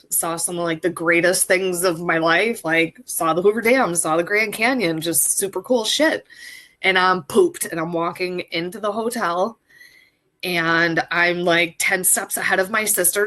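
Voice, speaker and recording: A woman in her thirties, a coaching client, telling her story in a chatty, animated way with lots of fillers. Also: fairly low pitch. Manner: chatty, animated storyteller, squeals when quoting herself. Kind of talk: casual storytelling interview.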